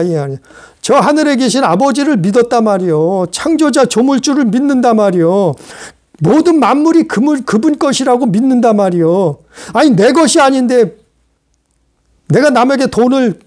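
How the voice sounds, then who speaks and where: Male preacher with a high voice, delivering an emphatic sermon that builds through repetition. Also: a little mellow. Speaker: pastor.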